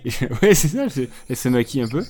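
A man's voice: medium pitch, very animated, rapid-fire, a loud crowd. A man co-hosting a casual podcast, chatty and laughing at his own stories. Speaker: regular co-host. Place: studio.

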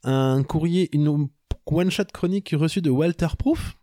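A man's voice: on the high side, moderate pace, dark tone, no room sound, studio quality. A man co-hosting a casual comedy podcast, joking and reading listener mail. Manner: playful, reads listener mail with mock English accent. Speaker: podcast co-host.

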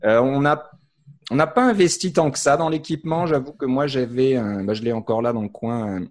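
A man from France with a Parisian accent softened by years in Canada, a podcast co-host explaining his setup in casual, pause-filled chat. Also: medium pitch. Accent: Parisian French, softened after years in Canada. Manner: relaxed, explanatory, with frequent "euh" pauses.

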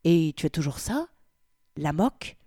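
A woman reading as a bold, teasing young woman who pries with one question after another. The voice sits a little low and sounds mellow. It is close and dry, with no room sound. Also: sing-song, unhurried, breathy edge, no room sound, exaggerated voice. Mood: prying. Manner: brash, prying questions.

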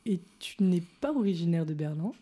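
A woman's voice: on the low side, animated, moderate pace, dark tone, breathy edge. A woman interviewing a guest, asking long, curious, probing questions. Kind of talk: interview conversation.

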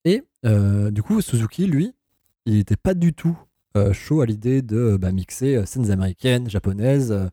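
A man's voice: on the low side, animated, moderate pace, warm tone, dry recording, clean studio sound. A man co-hosting a casual chat, eagerly explaining the story with many hesitations and comments of his own. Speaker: podcast co-host.

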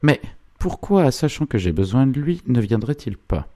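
A man's voice: medium pitch, big pitch swings, moderate pace, mellow, no echo, voice pushed up, close to an everyday voice. A man voicing a proud, stubborn old noblewoman with a strident, curt way of speaking, in an audiobook reading. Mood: haughty. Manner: dry, curt replies.

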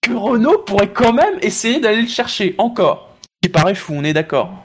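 A man's voice: sits high, sing-song, normal speed, slight background noise. A man arguing through hypotheses in a casual panel discussion. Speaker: motorsport talk show panellist.

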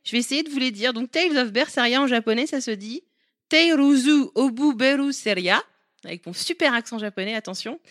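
A woman's voice: fairly high pitch, quick pace, hardly any pauses, fairly bright tone, no room sound, studio quality. A woman co-hosting a casual gaming podcast, playful and teasing, laughing often as she presents a favourite game.

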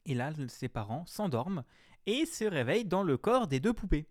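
A young man chats casually about a video game on a stream. His speech rambles, full of slang, swearing and fillers. His voice sits a little high, and the sound is dry and close. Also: sing-song, normal speed, no room sound. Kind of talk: casual chat.

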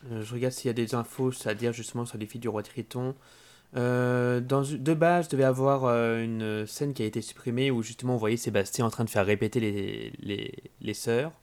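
A man with a French accent co-hosting a podcast, relaxed and chipping in with facts. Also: medium pitch, fairly quick, clear, resonant tone. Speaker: podcast co-host. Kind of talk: casual chat.

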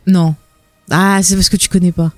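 A woman's voice: fairly low pitch, flat delivery, moderate pace, a little mellow, dry recording, faint music behind. A woman from France, co-hosting a podcast and chatting casually and playfully as she recaps a series. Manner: chatty and playful, drifting into playful voices for characters. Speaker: podcast co-host.

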